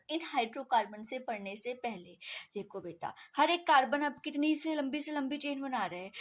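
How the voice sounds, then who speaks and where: A young woman, teaching a chemistry lesson to school students and asking questions that she then answers herself. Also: a little high. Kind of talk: online class lecture.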